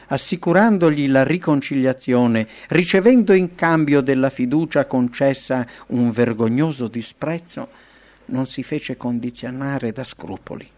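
A man narrating a religious history audiobook in an even, measured reading. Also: medium pitch, lo-fi sound. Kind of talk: scripted narration.

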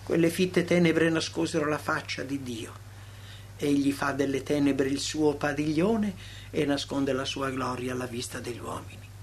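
A man's voice: a little high, a little hiss or hum. Solemn man reading a devotional text. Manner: solemn, dramatic swells and hushed drops. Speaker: narrator.

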